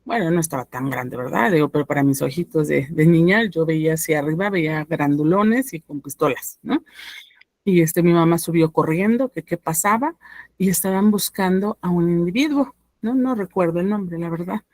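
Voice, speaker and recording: Woman telling a story to a group, gravelly low voice, keeps tagging "¿no?". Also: normal speed, a little mellow, no echo. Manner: conversational, frequent "¿no?" tags. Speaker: workshop speaker. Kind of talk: personal story told to a group.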